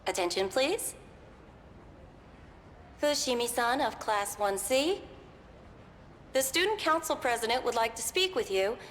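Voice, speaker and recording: A woman voicing a school announcer, who gives a formal, measured announcement over a school PA loudspeaker. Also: fairly high pitch, animated. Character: calm adult female school announcer. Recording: echoey loudspeaker, faint hiss.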